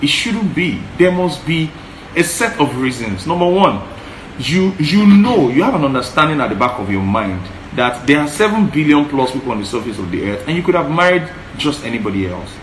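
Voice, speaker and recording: A man in his thirties with a Yoruba accent co-hosts a casual advice chat from an indoor living room, speaking earnestly and emphatically and repeating his points. His rather high voice is sing-song and brisk, recorded in an echoey room with faint hiss.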